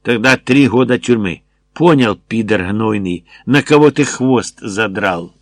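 A man voicing a brash, bullying male militia major who shouts and mixes Russian words into his speech, in an audiobook. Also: fairly low pitch, a little slow, no room sound, studio quality. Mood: threatening.

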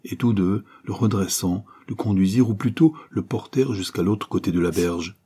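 A man narrating an audiobook in a steady, measured storytelling voice. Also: low-pitched, slightly rough.

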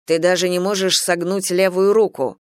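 Narrator doing a stern young general, firm and exasperated, dry close audiobook sound. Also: male voice, high voice, little pitch movement, normal speed, clear, resonant tone, dry recording, lightly acted.

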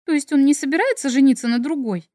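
A woman's voice: sits high, quick pace, dark tone, no echo, clean studio sound, close to an everyday voice. Woman voicing a flustered, sarcastic heroine. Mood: puzzled. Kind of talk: audiobook character voice.

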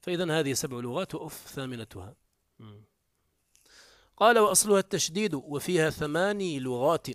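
A man teaches from a classical grammar text. His voice sits fairly high for a man and is recorded close and dry, with almost no room sound. He reads a phrase, then unpacks it, often restarting his words. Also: animated, brisk, a bit bright, no room sound. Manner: reads a line of the text, then explains it, with frequent self-corrections. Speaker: teacher of Arabic morphology. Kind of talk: classical Arabic text lesson.

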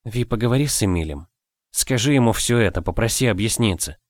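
A man voicing a calm, caring young noblewoman who speaks gently and reassuringly. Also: on the low side, fairly quick, dry recording, studio quality, lightly acted. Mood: gentle.

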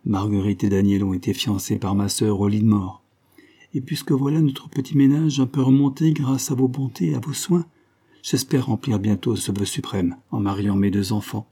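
A man reading the part of a stern, authoritative old soldier in a measured, solemn manner. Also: lowish voice, fairly even intonation, warm tone, husky.

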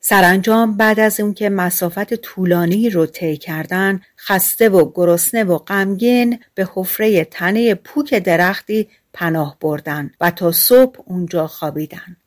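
Calm woman reading a fairy tale. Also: medium pitch. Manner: calm, measured storytelling. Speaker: audiobook narrator. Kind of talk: scripted fairy-tale narration.

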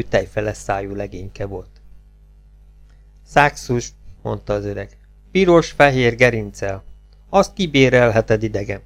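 Man, audiobook narrator, crime novel reading, voices lift in dialogue. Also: a little mellow. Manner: lifts pitch and volume for quoted characters, drops for narration.

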